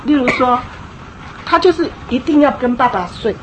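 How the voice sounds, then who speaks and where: A woman with a fairly high voice gives an emphatic church teaching talk. She speaks in a conversational way and acts out short scenes. Faint noise sits under her voice. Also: moderate pace, low-quality recording.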